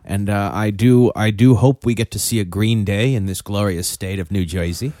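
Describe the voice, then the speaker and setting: A man's voice: on the low side, normal speed, warm tone, no echo, clean studio sound. A man co-hosting a podcast, rambling and joking with lots of fillers and restarts. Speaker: podcast co-host. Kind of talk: casual chat. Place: in New Jersey.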